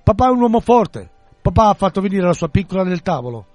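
A man's voice: sits high, very animated, fast, a little mellow, no echo, faint music behind, pitched above the performer's own voice. A man voicing the spirit of a cheerful little girl who talks in childlike broken phrases during a reading. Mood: chirpy.

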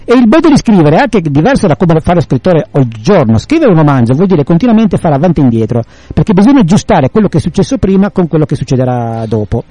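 A man's voice: a little high, sing-song, quick pace, few pauses, warm tone, no room sound. A man in casual conversation retelling and explaining a classic novel, rambling with many restarts.

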